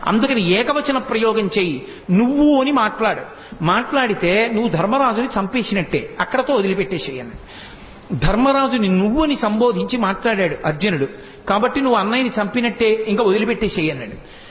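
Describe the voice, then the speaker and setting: Brief: a male discourse speaker with a high voice, recorded in an echoey hall, tells a sacred tale. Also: animated, fairly quick, a little hiss or hum. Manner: storytelling, acting out the characters' lines. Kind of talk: Telugu devotional discourse. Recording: echoey hall, slightly dull sound.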